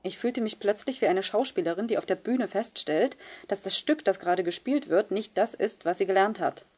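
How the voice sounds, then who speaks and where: A woman reading a first-person novel aloud in a measured, subdued way. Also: medium pitch, darkish tone, husky. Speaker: audiobook reader. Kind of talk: scripted first-person narration.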